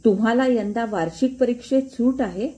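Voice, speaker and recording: A woman's voice: fairly high pitch, normal speed, dark tone, pitched above the performer's own voice, lightly acted. A woman voicing an irritable household manager who sneers at the boys and tattles to their father. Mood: sneering.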